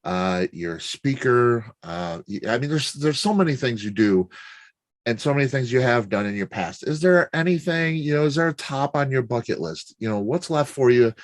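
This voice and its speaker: Casual: guy hosting an interview, kinda halting, average pitch, dry mic. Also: lively intonation, no echo. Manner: halting, searching for words. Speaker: interview host.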